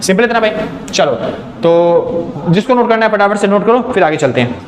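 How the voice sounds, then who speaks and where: High-voiced man teaching accounting. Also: animated, normal speed, roomy sound, a little hiss or hum. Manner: explains step by step, asks and answers his own questions. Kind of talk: accounting lecture.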